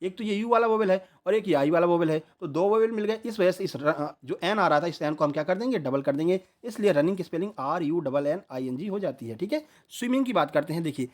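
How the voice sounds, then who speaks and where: A man's voice: high-pitched, lively intonation, quick pace. A man, teaching an online exam prep lesson, spelling words out letter by letter and checking in with his listeners often.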